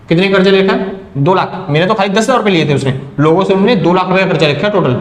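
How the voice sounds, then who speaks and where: A man's voice: sits high, reverberant. A man teaching an accounting lecture, explaining step by step and asking and answering his own questions.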